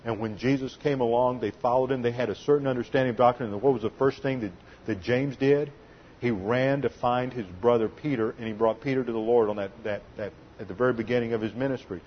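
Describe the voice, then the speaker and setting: A man preaching an expository Bible teaching sermon, explaining terms in a deliberate teaching tone and slowing down to stress key words. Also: mid-range voice, steady tone, lo-fi sound, a little hiss or hum. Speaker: pastor.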